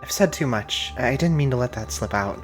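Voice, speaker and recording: A man streams a game, reading the story narration aloud in an easygoing, mid-pitched voice. Game music plays clearly under his reading. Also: lively intonation. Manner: easygoing, quick to laugh.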